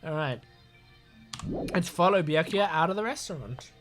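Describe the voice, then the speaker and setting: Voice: medium pitch, expressive, normal speed, fairly bright tone, soft background music. A game player casually talking through their gameplay in a chatty, rambling way, with plenty of fillers. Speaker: game commentator.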